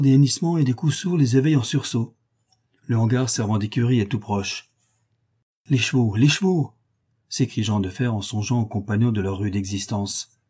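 Male audiobook narrator, measured reading, dark husky tone. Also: medium pitch.

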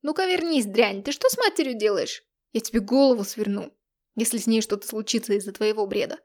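A woman's voice: on the high side, lively intonation, brisk, darkish tone, lightly acted. A woman voicing a mocking, rude teenage brother who sneers crudely. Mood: threatening.

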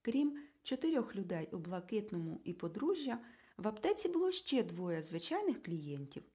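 A woman narrating a children's book in an expressive storytelling manner. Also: medium pitch, moderate pace, slightly rough. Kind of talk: audiobook narration.

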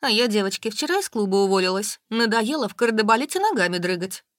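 A woman's voice: mid-range voice, animated, fast, a bit bright, dry recording, studio quality, close to an everyday voice. A woman reading aloud, voicing a vain, glamorous woman of thirty with a breezy, dismissive manner.

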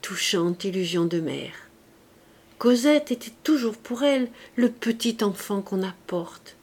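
A woman reading a classic novel aloud as an audiobook, in a calm, careful way. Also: medium pitch, measured pace, breathy edge. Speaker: audiobook reader. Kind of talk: literary audiobook narration.

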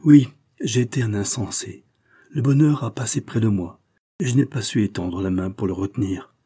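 A guilt-ridden young man pours out his confession to his mother with rising emotion, voiced by a male reader. His voice is dark and husky, sitting fairly low. An audiobook performance of a classic novel. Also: normal speed. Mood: remorseful. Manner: emotional and self-accusing.

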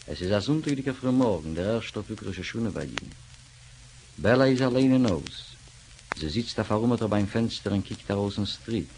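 A man narrating a radio drama in a measured storytelling manner. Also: lowish voice, lively intonation. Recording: hissy old radio recording.

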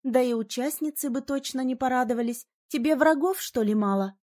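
A woman's voice: high-pitched, a little fast, darkish tone, lightly acted. A woman reading an audiobook, voicing a sly female salamander companion who speaks in a teasing, knowing way. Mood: reasoning.

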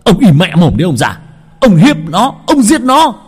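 A man's voice: low voice, lively intonation, quick pace, mellow, pitched below the performer's own voice. A man voicing a rude, short-tempered grown son who snaps and roars in a horror story. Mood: roaring. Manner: gruff, snapping, roaring.

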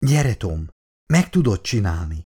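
Man doing a sergeant coaxing a hurt buddy along, urgent, pitch jumping up, audiobook. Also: sing-song, dark tone, husky. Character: male sergeant, urgent and encouraging.

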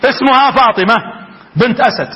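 Male preacher, very high bright voice, fervent storytelling lecture. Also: animated, a little fast, highs cut off. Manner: fervent, addresses the audience directly.

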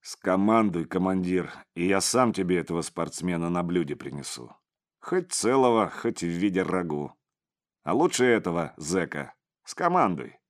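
A man voicing a gruff bodyguard, a former army officer, who speaks bluntly and curtly. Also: low voice, big pitch swings, normal speed. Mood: contemptuous. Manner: blunt, curt.

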